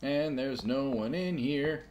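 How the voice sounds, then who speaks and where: A man's voice: mid-range voice, slow pace, noisy background. A man streaming a video game live, joking with wry asides as he plays. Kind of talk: live gameplay commentary. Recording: streamer mic with game music behind.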